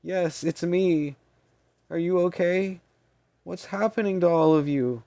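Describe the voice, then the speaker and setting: A man's voice: a little high, fairly even intonation, measured pace, darkish tone, pitched above the performer's own voice. A man reading an audiobook, voicing an anxious, tearful young woman who pleads urgently. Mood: frantic.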